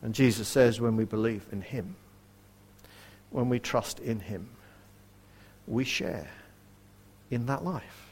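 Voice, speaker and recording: A man preaching a sermon in an earnest way, asking his listeners direct questions and dropping to a hush for quoted verses. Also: medium pitch, animated, slow, long pauses, slightly rough. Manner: varies loudness widely, dropping to a near whisper for quoted verses.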